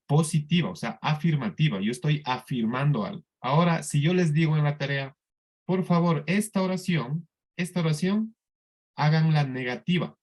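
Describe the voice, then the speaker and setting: A man teaching an English class in Spanish with a Colombian accent, explaining slowly and patiently and often checking that the students follow. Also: on the high side, darkish tone. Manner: slow, patient explaining with frequent checks for understanding. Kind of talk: classroom lesson.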